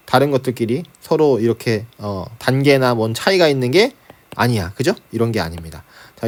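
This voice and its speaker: A man teaching reading comprehension for exams in a lecture, often checking in with rhetorical questions. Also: mid-range voice. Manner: lively, frequent rhetorical questions and "자, 그죠?" check-ins. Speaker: Korean language teacher. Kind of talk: exam-prep lecture.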